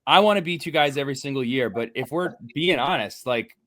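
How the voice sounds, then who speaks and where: A man's voice: medium pitch, expressive, brisk, sharp tone. Jersey guy hosting a sports podcast, rambly and jokey, just shooting the breeze. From New Jersey. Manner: joking, rambling, teasing rivalry banter. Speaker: podcast host. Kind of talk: casual sports podcast chat.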